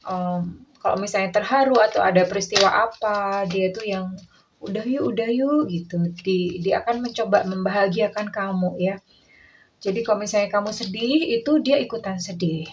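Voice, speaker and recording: A woman's voice: mid-range voice, moderate pace. Woman tarot reader, distant lo-fi mic. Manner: chatty, mixes in English phrases, acts out quoted lines. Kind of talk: casual tarot reading monologue. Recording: distant, dull lo-fi mic with faint noise.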